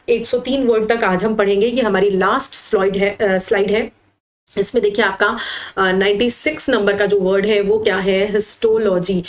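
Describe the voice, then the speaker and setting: A woman teaching vocabulary with slides, patiently explaining and slowly spelling words syllable by syllable. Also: mid-range voice. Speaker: English teacher for exam prep. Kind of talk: slide-based lesson.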